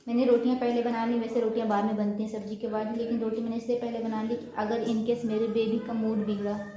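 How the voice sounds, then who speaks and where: Fast-talking woman in an echoey kitchen. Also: on the high side, flat delivery, dark tone. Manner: fast, chatty talker. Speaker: vlogger. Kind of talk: casual cooking vlog chat. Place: home kitchen with a fan running. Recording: very echoey room.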